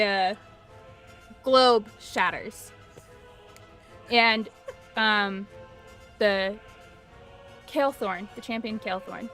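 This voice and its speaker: A woman acts as game master for a tabletop role-playing session, telling the action at an unhurried pace. Her storytelling is improvised and conversational, feeling its way forward in halting phrases. Soft music plays behind her. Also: mid-range voice. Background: background music.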